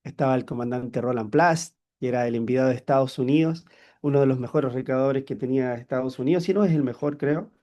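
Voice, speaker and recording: A man with a Chilean accent preaching a sermon as a personal story, animated and exclaiming often. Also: medium pitch, fast, dull audio. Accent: Chilean Spanish. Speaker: church leader preaching.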